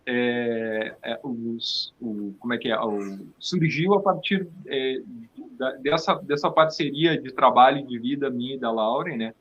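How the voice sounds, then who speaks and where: As a casual interview guest, a theatre company founder with a southern Brazilian accent from Rio Grande do Sul frequently repeats words as his ideas form. His mid-range voice is unhurried, fairly even and fairly bright, slightly rough, and the recording sounds muffled.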